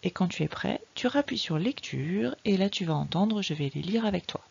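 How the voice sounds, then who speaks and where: A woman teacher giving a patient, slow, explanatory reading lesson to a young child. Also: medium pitch, lively intonation, gravelly, darkish tone, husky, highs cut off. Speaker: primary school teacher.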